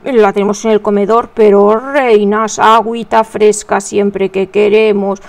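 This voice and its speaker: A woman's voice: mid-range voice, fairly even intonation, unhurried. A woman hosting a casual crochet tutorial, chatting with viewers and counting her stitches aloud under her breath.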